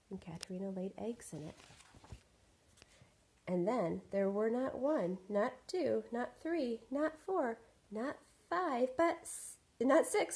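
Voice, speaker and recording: A woman reading a picture book aloud in an expressive, animated way. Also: medium pitch, vocal fry, slightly rough. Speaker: storyteller.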